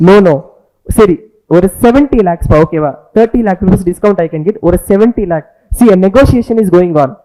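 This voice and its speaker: A man teaches informally in a Tamil accent, his voice high and rather mellow. He talks at a very rapid pace, explains through stories, and repeats himself, often adding short questions to check he is understood. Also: expressive, rough recording. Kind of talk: informal lecture with storytelling, mixing English and Tamil.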